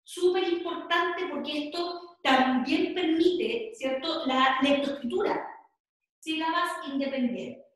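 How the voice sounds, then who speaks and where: Chilean woman teacher, high and unhurried, patient lecturing, very echoey room. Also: a bit bright. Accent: Chilean Spanish. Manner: explains patiently, adding "¿cierto?" and "¿ya?" to check in. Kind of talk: online class lecture.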